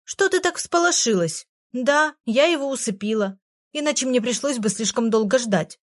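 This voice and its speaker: Brief: woman doing a pert, touchy little girl fairy, lifted pitch, dry close read. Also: expressive, no echo, close to an everyday voice. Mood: defensive. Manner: pert and proud, quick to take offence. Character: tiny sassy touchy female fairy. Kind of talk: audiobook character voice.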